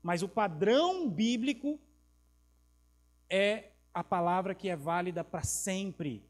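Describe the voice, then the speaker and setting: A middle-aged man with a Southern Brazilian accent, preaching a sermon as pastor, telling stories and swinging from loud emphasis to quiet, intimate remarks. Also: high-pitched, lively intonation, slow pace. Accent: Southern Brazilian Portuguese. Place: church. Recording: mains hum in background.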